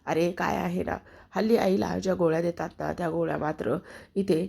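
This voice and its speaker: A woman narrator voicing an evasive young wife who makes excuses, in her own husky, gravelly voice. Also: fairly low pitch, steady tone, brisk, darkish tone, full character voice. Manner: defensive, evasive.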